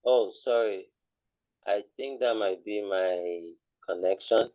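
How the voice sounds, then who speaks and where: A man's voice: on the low side, takes it slowly, no room sound. A man tutoring math over a video call, patiently talking a student through a problem while his voice keeps cutting out on a bad connection. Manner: patient, repeats yes and okay often. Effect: choppy audio cutting out on a bad connection. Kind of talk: online tutoring session. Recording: dull lo-fi online call audio.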